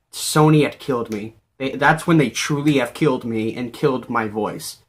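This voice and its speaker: Man, medium pitch, overexcited gushing, repetitive phrasing, casual off-the-cuff gaming vlog commentary. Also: a bit bright. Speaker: video game vlogger. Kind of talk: casual, unscripted fan commentary on games.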